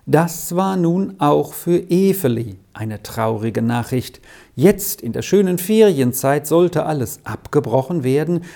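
A man narrating a children's story in a calm, measured reading. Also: fairly high pitch, vocal fry. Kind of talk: audiobook narration.

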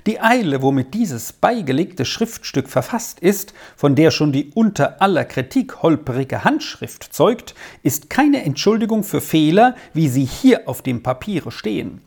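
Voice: mid-range voice, sing-song, unhurried, vocal fry, hardly any pauses, a little mellow, slightly rough, exaggerated voice. A reader voicing a pedantic male school headmaster who lectures a pupil indignantly in a letter, in an audiobook. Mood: stern scolding.

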